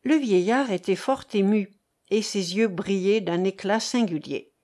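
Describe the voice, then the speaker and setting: A woman narrating a classic novel as an audiobook, in a measured, even reading voice. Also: medium pitch.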